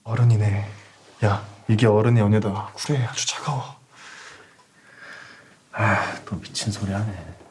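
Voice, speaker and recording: A man's voice: on the low side, steady tone, a little slow, pauses often, darkish tone, slight background noise, lightly acted. An actor playing a younger male college student who casually teases an older student in a web drama. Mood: teasing. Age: young adult. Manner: teasing, casual. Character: cheeky younger male college juniors teasing.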